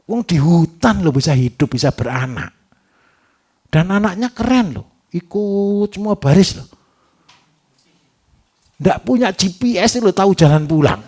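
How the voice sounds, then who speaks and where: Guy with a high voice running a farm training class, keeps firing questions at the crowd. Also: a little slow, pauses often, slightly rough. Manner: constant rhetorical questions to the audience; animated, repetitive, teasing. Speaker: livestock farming trainer. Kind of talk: workshop lecture to an audience.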